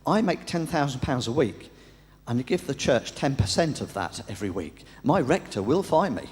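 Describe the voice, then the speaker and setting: A man voicing a calm, matter-of-fact stranded man in a joke told during a sermon. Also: medium pitch, moderate pace, lightly acted. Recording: long church reverb.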